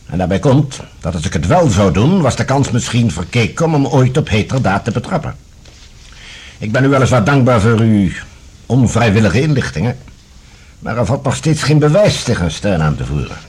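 In a Dutch radio drama, a male actor plays a composed, authoritative security general who speaks formally and courteously yet firmly, his mood measured and guarded. His husky, medium-pitched voice is a little mellow and sing-song, at a normal speed.

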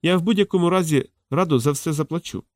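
A man's voice: a little high, quick pace, no echo, voice pushed up, close to an everyday voice. An audiobook reader voicing a young male thief who talks in a raised, wry and indignant way.

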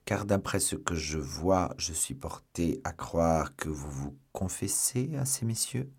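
A man's voice: sits low, lively intonation, a little slow, vocal fry, a little mellow, husky, pitched below the performer's own voice, exaggerated voice. A man voicing a bold, impatient young male swordsman who speaks eagerly and ironically. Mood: eager, surprised.

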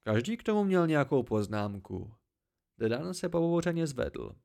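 A man's voice: fairly high pitch, very animated, vocal fry, a little mellow. Man reading an amateur audiobook. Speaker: audiobook reader.

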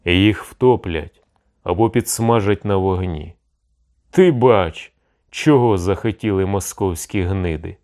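A man's voice: deep voice, takes it slowly. A man voicing a hot-tempered, fiery cossack who mocks and threatens in an audiobook. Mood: mocking. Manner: shouting threats, mocking.

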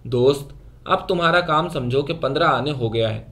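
A man reading a story aloud, voicing a loud, backslapping Sikh man who talks heartily. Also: medium pitch, lightly acted. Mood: hearty. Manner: boisterous, backslapping. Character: loud, hearty Sikh moneylender-type man, hairy-handed.

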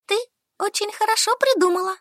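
A woman's voice: very high voice, brisk, a bit bright, no room sound, clean studio sound, voice pushed up. A woman voicing a squeamish, easily panicked young female teacher who squeals and pleads, in an audiobook. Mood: panicky. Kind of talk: audiobook character voice.

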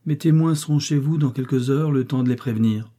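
A man's voice: mid-range voice, fairly quick, warm tone, voice pushed up, close to an everyday voice. A man reading the part of a chained villain, talking in a contemptuous, sneering way in an audiobook.

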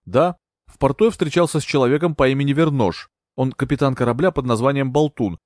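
A man playing a young gentleman accused of murder, pleading and indignant. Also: medium pitch, a little fast, no echo, studio quality, close to an everyday voice.

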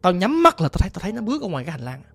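Narrator doing a cruel, scared old matriarch, Southern Vietnamese, blunt talk, soft music bed. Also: medium pitch, big pitch swings, very fast, husky, heavily acted. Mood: frightened. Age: older. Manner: blunt, coarse, frightened. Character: cruel, fearful rich old mother.

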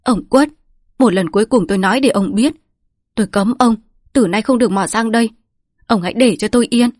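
A woman's voice: a little high, brisk, a little mellow, dry recording, clean studio sound, voice pushed up, close to an everyday voice. A woman voicing a fierce middle-aged village widow who scolds and threatens sharply. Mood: furious.

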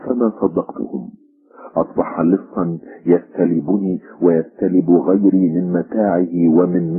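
A man voicing a grieving elderly mother, a painter's widow, speaking in a sorrowful, halting way. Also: low voice, husky, narrow, tinny audio, full character voice.

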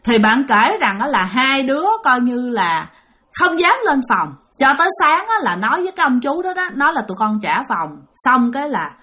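A woman's voice: high-pitched, big pitch swings, moderate pace, pushed and bright. Chatty Southern Vietnamese woman telling a ghost story. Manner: chatty, addresses listeners directly.

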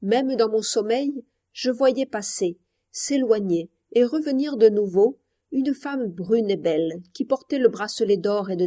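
A woman's voice: on the high side, dark tone. A woman reading as a young woman tormented by jealousy. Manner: passionate, anguished. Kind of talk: audiobook reading.

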